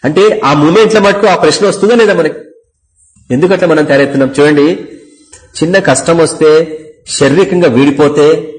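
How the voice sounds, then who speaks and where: A middle-aged man with a Telangana accent preaching a sermon as pastor, animated and acting out quoted voices with sudden jumps in pitch. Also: rough recording. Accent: Telangana Telugu.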